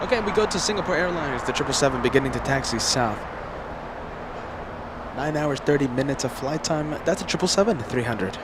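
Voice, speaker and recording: A man's voice: mid-range voice, expressive, brisk. A man hosting a casual live plane-spotting commentary outdoors, announcing in short phrases with chatty asides. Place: outdoors beside a road near the airport. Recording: loud outdoor traffic and vehicle noise. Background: vehicles and urban outdoor noise.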